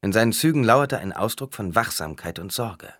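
A man narrating a novel as an audiobook in an expressive, dramatic reading. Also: fairly low pitch, moderate pace, dry recording, clean studio sound.

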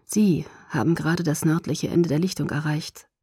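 A quiet, composed young male vampire voiced by a woman reading an audiobook keeps his words low and hushed. The tone is mellow and dark, recorded close and dry with no room around it. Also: fairly even intonation, moderate pace, slightly rough, dry recording.

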